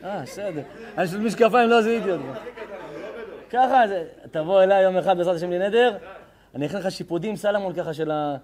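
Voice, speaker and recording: A man's voice: sits high, darkish tone. A man, a rabbi, giving a live Torah lesson to an audience, bantering affectionately with the crowd and turning heartfelt when he speaks of faith.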